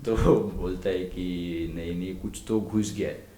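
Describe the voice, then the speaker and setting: A man's voice: low voice, steady tone, a little slow, dark tone. A young man in his twenties, a podcast guest telling stories in casual chat, acting out the voices in his dialogue and laughing often. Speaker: podcast guest, medical intern. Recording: echoey room.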